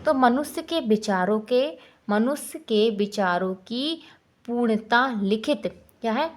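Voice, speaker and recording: Fairly high-voiced woman teaching Hindi exam prep. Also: expressive, takes it slowly. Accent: Hindi-belt Indian. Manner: repeats each answer as a quiz question.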